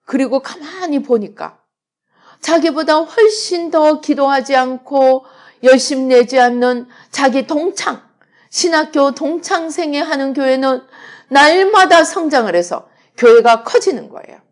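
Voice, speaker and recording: A middle-aged woman pastor preaching a sermon, swinging between loud emphatic lines and quiet asides. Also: high-pitched, expressive, unhurried. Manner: acts out prayers and God's replies in quoted voices.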